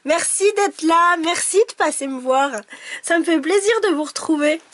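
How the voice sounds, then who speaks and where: Bubbly woman with a high voice, a card-reading vlogger, chatty and giggly, recorded dry and close. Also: moderate pace, no echo. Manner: chatty, giggly, with many fillers and restarts. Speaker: tarot and oracle card reader. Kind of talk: casual chat to camera.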